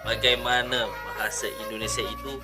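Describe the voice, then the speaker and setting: A man's voice: medium pitch, little pitch movement, a little fast, over loud music. A man with a Malaysian accent hosting a casual reaction video, often addressing his viewers directly. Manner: repeats and echoes phrases, addresses viewers often.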